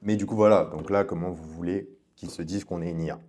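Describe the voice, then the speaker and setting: A man's voice: low voice, fairly even intonation, fast talker, mellow, slight background noise. A man giving a casual, chatty tutorial as a coach, speaking directly to the viewer. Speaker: online business coach.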